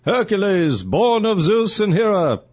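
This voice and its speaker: A man on a radio talk show putting on the voice of an old-time newsreel announcer, with a husky, measured delivery. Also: sits high, big pitch swings, lo-fi sound, voice pushed up, heavily acted. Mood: solemn. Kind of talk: mock newsreel narration.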